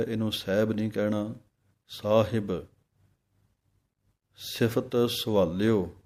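A man teaching scripture pronunciation in a santhya lesson. He recites each line slowly and then explains how each letter and vowel sign should sound. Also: on the low side, mellow.

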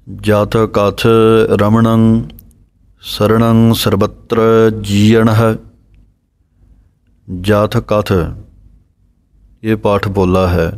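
Slow, measured male recitation teacher. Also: lowish voice, darkish tone. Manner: measured, spelling out letters and pauses carefully. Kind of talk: slow instructional recitation lesson.

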